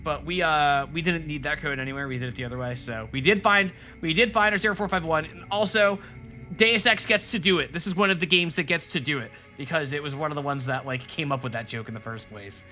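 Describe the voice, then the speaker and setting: Here the Rhode Island man streaming a game sounds fairly high, quick, bright, and forceful, with soft music behind him. He keeps up a rambling, joking let's-play commentary aimed at his viewers in chat and at the screen.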